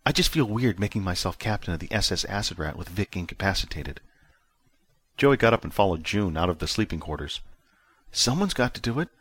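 Husky low-voiced male story narrator. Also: a little fast, a bit bright. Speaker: author and narrator. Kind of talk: audiobook fiction narration.

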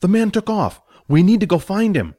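A man's voice: high-pitched, big pitch swings, normal speed, dark tone, pitched above the performer's own voice. A man voicing an eager, stubborn young male barbarian who speaks earnestly and insists.

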